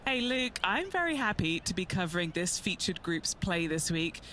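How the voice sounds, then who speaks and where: A man playing an excitable on-course golf reporter in a video game. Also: high voice, normal speed, exaggerated voice. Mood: eager. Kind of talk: enthusiastic sports commentary in a video game. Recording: noisy outdoor course background.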